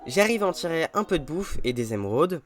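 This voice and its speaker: A man's voice: a little high, sing-song, brisk. Upbeat man narrating gameplay over music. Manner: upbeat, self-mocking. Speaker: gaming YouTuber. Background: game music.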